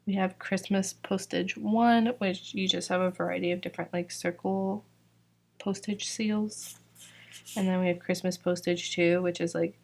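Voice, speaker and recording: Chatty and relaxed, this young Georgia woman runs through her shop's new stickers, leaning on "like" and "um." Her slightly low voice is creaky and a bit worn, as though it has been giving out lately, and she takes her time.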